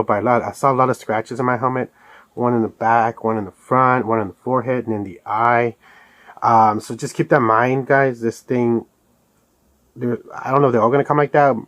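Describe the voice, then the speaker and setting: In a laid-back unboxing vlog, a male collectibles enthusiast chats his way through a product review. He has a mid-range voice, and there's no echo on the recording.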